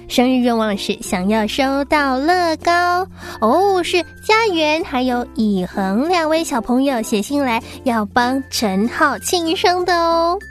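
Female children's radio host, high and swooping delivery, animated and simple as if to small children. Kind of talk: children's programme presenting.

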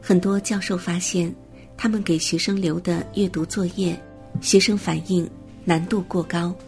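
A woman with a low-set, gravelly voice gives a steady, measured scripted narration. She reads evenly from a prepared text, and faint music plays behind her.

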